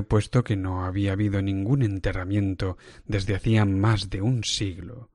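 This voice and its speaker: A man with a somewhat low voice reads a horror tale as scripted narration. His delivery is measured and deliberate. The recording is dry and close, with no room sound. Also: a little mellow, dry recording. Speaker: narrator reading a horror story.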